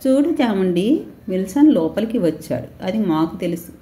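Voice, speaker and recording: Stern male cop for a storybook, firm and commanding, dark tone, echoey room, read by a woman. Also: medium pitch, very animated, moderate pace, lightly acted. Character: stern, determined male police officer.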